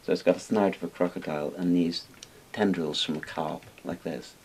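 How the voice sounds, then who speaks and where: Speaking at a normal speed in a low, darkish voice with fairly even intonation, this older man from Wales talks about Chinese dragons as an interviewed expert. His explanations wander casually, recorded in a small book-lined room against hissy background noise.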